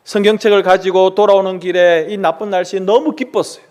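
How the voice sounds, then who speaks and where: A man preaching, telling a story in a dramatic, animated way to his congregation. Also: high voice, brisk. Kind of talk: storytelling sermon.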